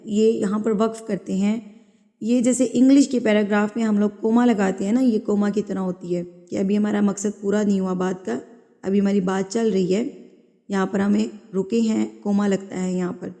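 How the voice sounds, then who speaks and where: Woman, tajweed teacher, patient, repeats and corrects, mellow tone, long reverb. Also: medium pitch, steady tone. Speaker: Quran recitation teacher. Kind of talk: tajweed lesson with slow demonstrated recitation.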